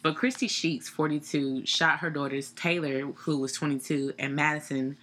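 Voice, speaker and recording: Chatty bright-voiced woman co-host. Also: low-pitched, steady tone, moderate pace. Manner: chatty, laughs easily, recounts news with fillers. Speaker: podcast co-host. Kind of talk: casual chat.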